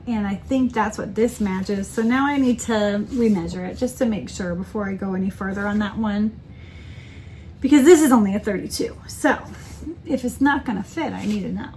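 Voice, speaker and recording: A woman's voice: medium pitch, a little mellow, slight background noise. A woman in casual chat as a crafting vlogger, rambling and correcting herself with many ums. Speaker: cross-stitch vlogger.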